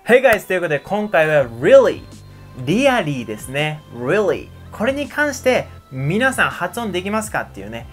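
Lively young man teaching pronunciation. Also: high-pitched, moderate pace, faint music behind. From Japan. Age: 20s. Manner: energetic, chatty, repeatedly demonstrating sounds. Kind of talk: casual video lesson.

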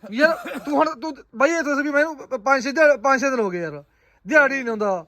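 A man acts out a flustered landowner, talking very fast in a very high, bright voice. He stumbles over his words and repeats himself as he placates. The sound is dry and close. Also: animated, no room sound, heavily acted. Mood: placating. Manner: pleading, placating, stumbling repetitions. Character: anxious male landowner pleading with his farmhand. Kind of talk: amateur village drama.

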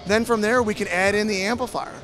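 A man in his thirties with a distinctly high voice. He explains a product in a conversational, enthusiastic sales style, informal and direct, into a handheld microphone at an indoor show booth. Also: fairly even intonation, fast, music in the background. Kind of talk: conversational sales demo in an interview. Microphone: handheld interview microphone.

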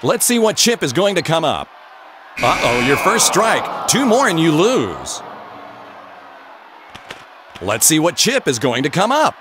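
An actor playing an upbeat game show host in a video game, with scripted lines. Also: male voice, a little high, very animated, measured pace, pauses often, noisy background. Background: game show music.

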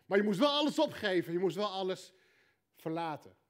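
A man with a Dutch accent preaching a sermon, telling a story with punchy repeated lines and quiet joking asides. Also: high voice, animated, fairly quick. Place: church hall.

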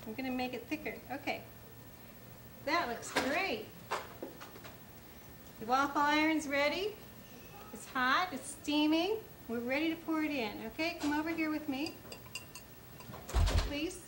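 A middle-aged woman hosts a kids' cooking demonstration in an indoor studio kitchen set, patiently guiding a child through a recipe with polite requests. Her high-pitched voice is unhurried, with long pauses, and there is background noise.

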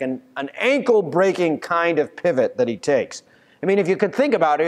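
Pastor preaching in a reverberant church. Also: male voice, fairly high pitch. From United States. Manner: earnest storytelling, with restarts and fillers. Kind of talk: sermon. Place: church sanctuary, at a pulpit. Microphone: pulpit mic from a far camera.

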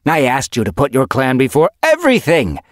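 A man's voice: medium pitch, big pitch swings, moderate pace, no echo, clean studio sound, pitched above the performer's own voice, natural voice. A man voicing a vicious female ghost cat from an audiobook, harsh and contemptuous as she bullies a young warrior. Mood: scolding, furious.

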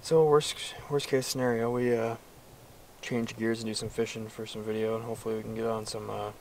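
A man's voice: fairly low pitch, level tone, a little fast, a little mellow, distant mic, a little hiss or hum. A young man talking casually on a camp vlog, easygoing and chatty, with many fillers, outdoors at night. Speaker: vlogger.

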